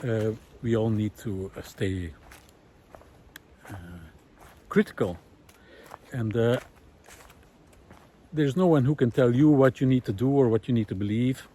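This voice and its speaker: Speaking at a measured pace with long pauses, a mellow mid-range male voice thinks out loud while he walks in the woods. The vlogger, a former visual artist turned environmental researcher, sounds earnest and unsure in this unscripted reflection, backed by outdoor forest noise.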